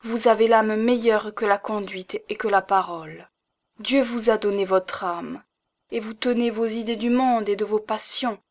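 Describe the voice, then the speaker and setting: A woman's voice: fairly high pitch, steady tone, measured pace, voice pushed up, natural voice. A woman voicing a pious, anxious noblewoman with a raised, imploring delivery. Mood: tender.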